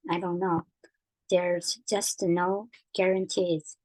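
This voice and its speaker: A woman's voice: on the low side, level tone, low-quality recording. A tender, hesitant mother. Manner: soft, hesitant, halting with repeated words. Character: tender, anxious mother of a teenage daughter. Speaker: mother in a family drama. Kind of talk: television drama acting.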